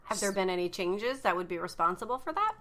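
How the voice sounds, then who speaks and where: A woman's voice: medium pitch, expressive, fast talker, fairly bright tone. A woman co-hosting a podcast at home with her husband, chatting casually with a dry, teasing manner. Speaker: podcast co-host. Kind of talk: casual chat.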